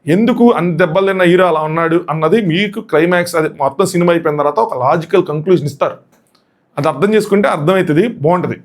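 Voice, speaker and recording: A man with a voice hoarse from shouting gives a casual, excited, rambling movie review and repeats his points. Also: on the high side, rapid-fire.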